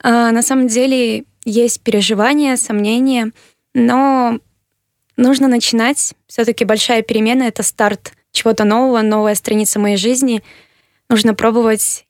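An eighteen-year-old woman from Kyrgyzstan answering interview questions earnestly, pausing with fillers as she thinks. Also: a little high, steady tone, darkish tone, no room sound, clean studio sound. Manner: earnest, measured, with hesitant fillers. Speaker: interviewee, university applicant.

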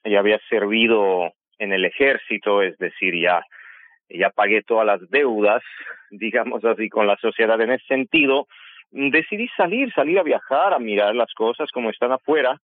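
A man's voice: lowish voice, moderate pace, dry recording. A man from Armenia, a native Armenian speaker, chatting cheerfully about his life as a musician during a remote interview, laughing often. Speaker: guest musician. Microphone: phone or video call. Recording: tinny dry call line.

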